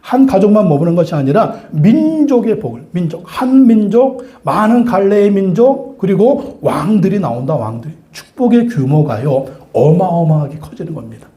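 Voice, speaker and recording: A man's voice: sits high, very animated, moderate pace, hardly any pauses, warm tone, roomy sound. A man preaching a sermon as pastor, who asks the congregation questions, answers them himself and repeats key phrases for emphasis.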